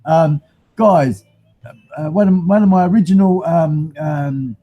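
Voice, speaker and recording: A man's voice: a little high, measured pace, highs cut off. A man with a broad New Zealand accent hosting a casual live stream, rambling and matey as he chats to viewers. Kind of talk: casual live chat, reading out viewer comments.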